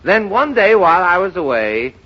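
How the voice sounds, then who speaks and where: This actor plays a fussy braggart telling ridiculous tall tales on 1930s radio comedy, heard through a noisy, muffled recording. His high voice swings widely in pitch at a moderate pace. Wistful yet boastful, he flutters and sputters with a self-important storytelling air.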